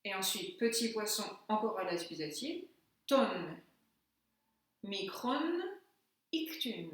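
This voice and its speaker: A woman teacher giving a classroom lesson, slowly and patiently spelling out examples step by step. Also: mid-range voice, big pitch swings, distant mic. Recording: echoey room, voice from off-mic.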